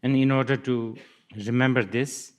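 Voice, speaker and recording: A man's voice: mid-range voice, level tone, moderate pace, clear, resonant tone. A man giving a Buddhist dharma talk, musing aloud with laughs and hesitant restarts. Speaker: Buddhist teacher. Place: lecture hall.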